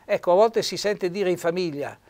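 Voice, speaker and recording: High-voiced man teaching Trentino dialect. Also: darkish tone. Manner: explains slowly, repeats words, spells them out. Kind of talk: teaching dialect words on a TV show.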